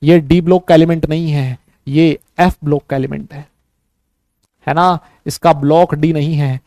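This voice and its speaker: A man with a high-pitched voice teaches a chemistry class in a lively, bantering way. He tags almost every sentence with a quick checking question and urges the students to speak up. The recording is dry and close, with little room sound. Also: dry recording. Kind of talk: classroom lecture.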